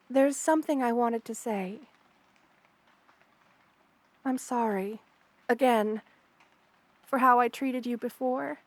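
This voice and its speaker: In an ASMR roleplay, a woman voices a kind, protective spider queen, speaking intimately and soothingly to the listener with hesitant pauses and formal wording. Her voice is a little high, with no room sound.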